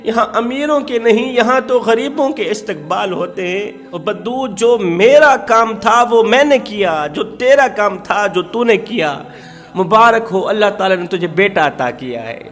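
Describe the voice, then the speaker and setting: A man's voice: high-pitched, animated, fairly bright tone. A man preaching voices a humble ruler who speaks solemnly to a poor man, repeating his lines with rising emphasis.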